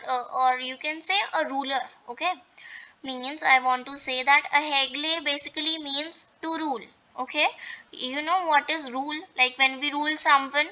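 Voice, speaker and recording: A woman's voice: sits high, sharp tone. A woman teaching a French lesson online, explaining step by step with many fillers and repeated words.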